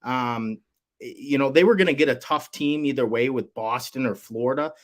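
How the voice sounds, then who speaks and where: A man's voice: mid-range voice, moderate pace. Rambling man breaking down hockey bets. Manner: rambling, hesitant, many fillers. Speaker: co-host. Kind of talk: casual sports betting chat.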